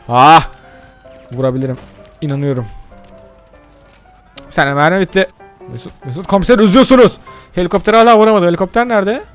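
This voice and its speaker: Excitable young-sounding man narrating gameplay. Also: fairly high pitch. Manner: excitable, chatty, curses casually at the game; addresses viewers directly. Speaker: gaming YouTuber. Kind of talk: let's-play commentary.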